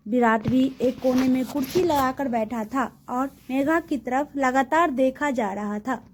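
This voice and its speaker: A woman narrating a romantic story in a plain, unhurried reading manner. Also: high voice.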